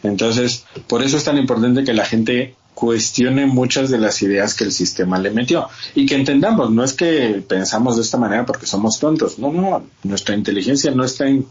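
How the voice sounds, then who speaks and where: A man's voice: medium pitch, moderate pace, few pauses, a little mellow, highs cut off. A man hosting a podcast, explaining ideas step by step in a casual conversational way. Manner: explains step by step, acts out quoted dialogue. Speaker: podcast host.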